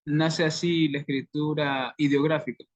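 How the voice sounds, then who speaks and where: A man giving a class presentation, reading out definitions in a slow, measured way. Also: a little high, little pitch movement, highs cut off.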